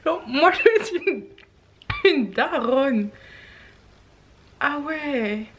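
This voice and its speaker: Young female vlogger, high-pitched, jittery, slips into whispers; casual chat. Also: lively intonation, extremely slow. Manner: nervous, often whispering to the camera. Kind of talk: casual vlog.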